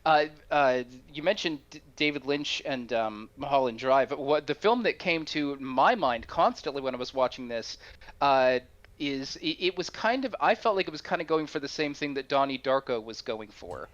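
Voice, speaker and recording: A man in a casual film discussion who talks haltingly, often searching for his words. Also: mid-range voice, expressive, a bit bright. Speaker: podcast panelist. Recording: dull lo-fi sound.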